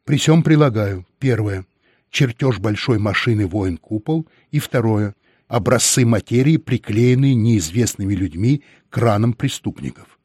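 A man's voice: on the low side, animated, a little slow, a little mellow, breathy edge, dry recording, studio quality. A man voicing a male feudal guard who delivers a stiff, formal report in an audiobook.

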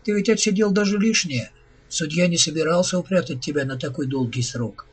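Guy doing a bright chatty robot dude, high and husky, storybook reading. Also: fairly quick. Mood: cheerful. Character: cheerful male robot servant.

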